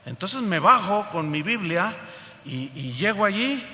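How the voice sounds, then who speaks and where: High, bright-voiced preacher. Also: male voice, a little slow, a little hiss or hum. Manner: lively storytelling, acts out the people he quotes. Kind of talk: sermon with a personal story. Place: church hall. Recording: reverberant hall, faint ambience.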